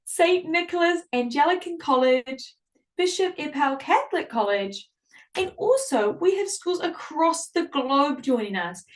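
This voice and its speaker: A woman's voice: sits high, lively intonation, a little slow. A woman hosting a live online classroom in an enthusiastic, welcoming, upbeat presenting style. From Samoa or New Zealand. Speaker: host.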